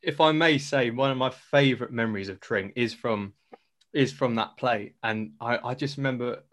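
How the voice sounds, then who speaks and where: A man's voice: medium pitch, normal speed, fairly bright tone. A man in his twenties hosting a casual podcast interview, friendly and chatty, laughing often. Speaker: podcast host.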